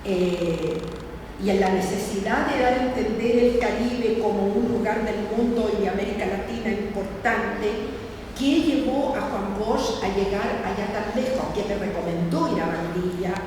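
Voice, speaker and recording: A woman's voice: medium pitch, noisy background. Woman speaking far off in an echoey hall. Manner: halting, many fillers, rhetorical asides. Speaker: book launch presenter. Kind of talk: public talk at a book fair. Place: large hall at a book fair.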